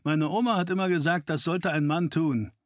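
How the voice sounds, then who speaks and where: A man's voice: fairly high pitch, steady tone, moderate pace, dry recording, studio quality, pitched above the performer's own voice, close to an everyday voice. A male narrator voicing a cheeky, wisecracking young man who talks in breezy banter. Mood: joking.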